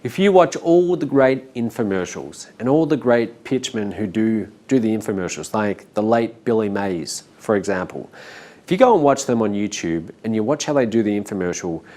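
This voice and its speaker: A man teaching how to sell on a webinar, with a naturally monotone voice that he says he has to push into excitement. He spells things out slowly and repeats key points. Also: on the low side. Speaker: webinar marketing instructor. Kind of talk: instructional talk.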